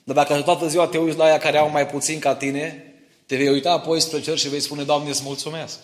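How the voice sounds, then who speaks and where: A man's voice: fairly high pitch, level tone. A middle-aged man preaching a sermon in church. He tells stories from his family and explains Bible verses, often asking the congregation whether they follow him. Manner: personal stories mixed with Bible teaching, asks listeners for agreement. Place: church hall. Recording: echoey church hall.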